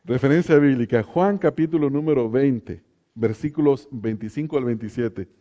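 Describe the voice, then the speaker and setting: A man's voice: mid-range voice, moderate pace, mellow, highs cut off. A middle-aged man, preaching a sermon in a folksy, joking way and addressing the congregation directly. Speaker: pastor.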